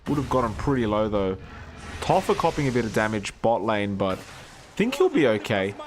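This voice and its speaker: A man casting a live video game match, animated and quick to rise at big plays. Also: fairly low pitch, over music. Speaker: esports caster.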